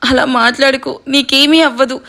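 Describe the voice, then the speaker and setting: A woman's voice: high voice, fairly even intonation, normal speed, sharp tone. A woman voicing an anguished young husband in a storybook tale, urging his dying wife to hold on. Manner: anguished, urgent. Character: young husband, desperate and grieving.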